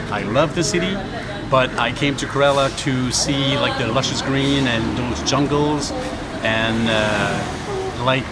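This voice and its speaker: Chatty man vlogging over loud traffic. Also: mid-range voice. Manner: chatty, with many fillers and restarts. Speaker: travel vlogger. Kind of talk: casual travel vlog chat. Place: outdoors on busy city streets and jungle trails. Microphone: camera held at arm's length. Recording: loud street traffic noise.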